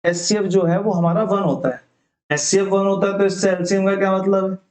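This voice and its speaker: A young man with a fairly high voice walks students through exam maths problems one step at a time. He slips English terms into his explanation and keeps checking in with the class. The room around him sounds echoey. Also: steady tone, fairly quick, darkish tone. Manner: often checks in with "ठीक है". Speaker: maths teacher. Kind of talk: exam-prep maths lesson.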